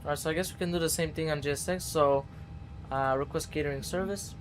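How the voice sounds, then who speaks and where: A man with a slightly high voice chats casually on a flight sim live stream. He thinks aloud and mutters through procedures, with faint aircraft ambience behind him. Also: fairly even intonation, quick pace, slight background noise. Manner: muttering to himself while working through procedures.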